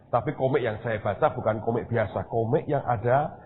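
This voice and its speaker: A man's voice: medium pitch, moderate pace. A middle-aged man from Indonesia, a pastor telling a story in a sermon and speaking straight to his congregation. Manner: storytelling, addresses the congregation directly. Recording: tinny phone-like sound with faint noise.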